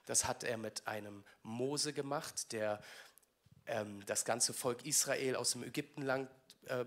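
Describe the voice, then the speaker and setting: A man delivers a sermon in a church livestream. His mid-pitched voice is earnest and encouraging, and he speaks directly to the people listening. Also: a bit bright. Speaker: preacher.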